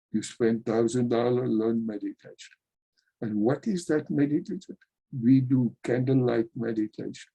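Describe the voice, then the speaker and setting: Slow, gravelly man giving a spiritual talk. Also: mid-range voice, warm tone, poor audio. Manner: slow, earnest, addresses listeners as dear friend. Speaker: yoga teacher.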